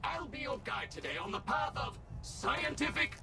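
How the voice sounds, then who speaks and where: Brief: slick android guide for a game, high, gravelly edge, servile and scripted. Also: male voice, lively intonation, moderate pace, sharp tone, slight background noise, heavily acted. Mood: chipper. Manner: courteous, eager-to-serve, scripted. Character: smooth, overly polite male robot tour guide. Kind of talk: video game voice acting.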